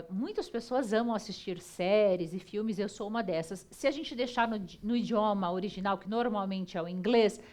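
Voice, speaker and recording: A woman hosting a TV talk show, chatty and lively, often talking to the audience. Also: mid-range voice. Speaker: TV show host.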